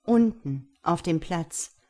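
A woman's voice: lowish voice, animated, slow pace. A woman reading a fairy tale aloud and voicing a selfless, sad statue prince who speaks earnestly and insistently. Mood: sorrowful. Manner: earnest, insistent, softly commanding.

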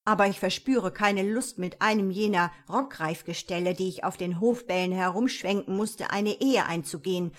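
A woman's voice: medium pitch, normal speed, few pauses, natural voice. A woman voicing a young, dreamy prince who resents becoming king. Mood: weary. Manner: sulky, dramatic outbursts.

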